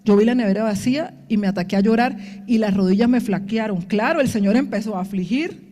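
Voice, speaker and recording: A woman's voice: mid-range voice, quick pace, mellow, long reverb tail. A woman preaching a sermon, telling her own story with earnest testimony and acting out prayers in quoted speech.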